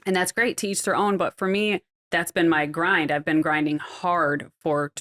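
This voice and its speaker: A woman's voice: lowish voice, fairly even intonation, normal speed, a bit bright. A middle-aged woman with a Midwestern American accent, a hair stylist guest talking casually on a podcast, chatty with lots of fillers. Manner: chatty, laughs often, uses many fillers.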